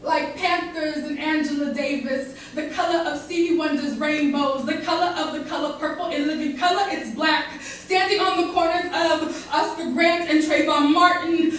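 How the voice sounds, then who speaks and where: High-voiced woman performing spoken word. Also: fairly bright tone, slight background noise. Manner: rhythmic, dramatic delivery with rises and drops. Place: barbershop, live event. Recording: echoey live room recording from far off.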